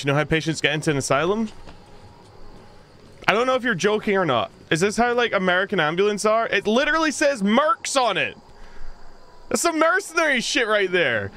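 Streamer, man, fairly high voice, animated and jokey, faint noise underneath. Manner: joking, reads chat aloud, playful silly voices. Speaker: gaming streamer. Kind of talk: casual let's-play commentary.

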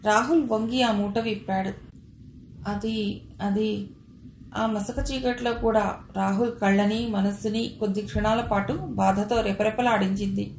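A woman reads an audio novel aloud in a dramatic, expressive way. Her voice sits at a middle pitch, and a roomy echo follows it with a faint hiss in the background. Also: a little slow, creaky. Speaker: audiobook narrator.

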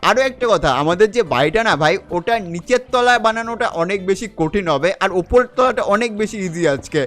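A young male gaming host talks quickly in a high, smooth, clear voice. He gives chatty commentary on his survival game and keeps addressing the viewer as a friend. He slips English words in and out of his sentences as he plays. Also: lively intonation, fairly bright tone. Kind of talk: casual gameplay commentary.

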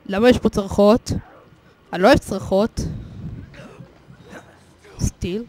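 A man hosting a horror game let's play, excitable and jokey, swearing often and yelling at the scares. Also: high voice. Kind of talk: gaming commentary.

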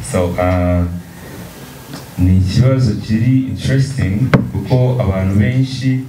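A man from Rwanda, an organizer, answering press questions in a relaxed way with fillers. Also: fairly low pitch. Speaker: concert organizer. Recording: distant mic, echoey, noisy.

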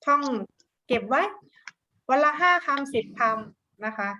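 A woman teacher giving a dictation lesson to children, repeating each word slowly and syllable by syllable, with a coaxing, affectionate manner. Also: high-pitched, animated, pushed and bright, a little hiss or hum. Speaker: primary school teacher.

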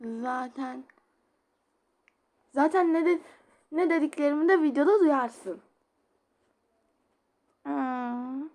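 Brief: giggly female game streamer, slightly high voice, unhurried delivery, reads chat aloud. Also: a little mellow. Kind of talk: casual gameplay commentary.

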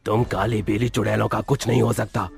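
A man's voice: lowish voice, flat delivery, a little fast, vocal fry. A man voicing a stern male sorcerer in a cartoon, in a commanding, scornful tone.

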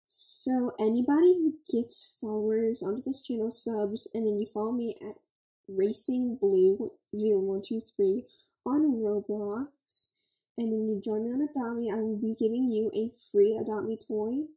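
A woman's voice: fairly high pitch, measured pace, dark tone, roomy sound, low-quality recording. A young woman, giving chatty, scattered gameplay commentary full of "like" and "okay" as a gaming channel host.

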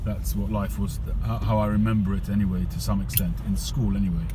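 Man in his fifties, distant amid loud noise. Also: on the low side, flat delivery, a little fast. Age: 50s. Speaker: pipe tobacco vlogger. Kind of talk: casual monologue, reminiscing. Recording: distant mic, loud outdoor traffic noise.

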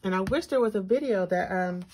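A woman who hosts videos reviewing planners talks a little fast in a medium-pitched, somewhat mellow voice. Braces slightly impede her speech as she chats casually, thinking aloud and reading items out during a walkthrough. The overhead shot shows only her hands at an indoor tabletop, and there's noticeable background noise with clicks.

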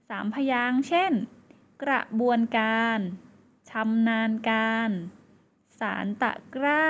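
A woman's voice: a little high, a little hiss or hum. A woman teacher giving a patient lesson to young pupils, sounding words out syllable by syllable. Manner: patient, slow, syllable-by-syllable counting. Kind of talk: classroom lesson for children.

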